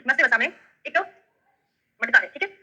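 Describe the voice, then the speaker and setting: A woman's voice: a little high, moderate pace, pushed and bright, slightly rough, muffled recording. A woman with a Bundelkhandi accent teaching an online lesson, explaining step by step and checking in with her students. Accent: Bundelkhandi Hindi. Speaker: Ayurveda tutor. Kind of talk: online lesson with memory tricks.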